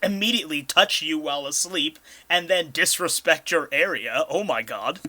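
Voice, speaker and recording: Man plays offended, foul-mouthed big fellow roused from bed, tabletop game; loud, booming, sharp-edged delivery. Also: normal speed. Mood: offended, sarcastic. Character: indignant, foul-mouthed, tall invisible man roused from sleep.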